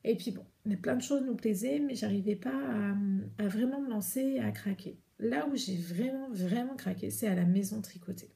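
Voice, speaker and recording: Chatty French woman with a gravelly voice. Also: fairly high pitch, moderate pace, dark tone. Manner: chatty, rambling, many hesitations. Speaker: knitting podcast host. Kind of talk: casual chat showing yarn to camera.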